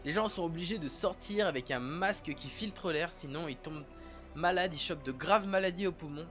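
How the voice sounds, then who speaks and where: A man's voice: on the high side, a little fast, fairly bright tone, highs cut off, soft background music. A man chatting casually to his viewers as he presents and reviews a TV series. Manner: chatty, addresses viewers directly.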